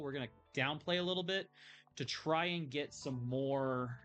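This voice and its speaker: A man's voice: medium pitch, fairly bright tone. A man hosting a game video, chatting casually and thinking aloud as he plays. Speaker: gamer host. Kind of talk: casual gameplay commentary.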